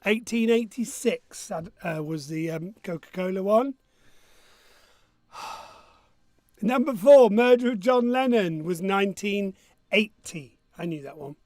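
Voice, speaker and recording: A man's voice: high voice, expressive, unhurried, pauses often, darkish tone. A man with a missing front tooth hosting a quiz casually, reading questions and answers in a jokey, self-mocking way. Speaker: quiz host.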